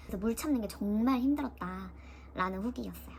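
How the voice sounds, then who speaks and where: A woman's voice: fairly high pitch, normal speed, vocal fry, slight background noise. A young woman vlogger casually retelling a personal experience, often imitating the voices of others. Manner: lively, mimics voices of nurses and her sister while retelling. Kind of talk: casual storytelling vlog.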